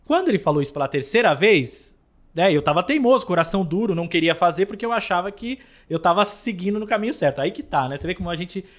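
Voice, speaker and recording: A man with a slightly high voice shares a personal faith testimony as a guest. His telling is animated: he jumps up in pitch and loudness, then drops to near-murmurs, and he often stumbles over repeated words. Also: quick pace.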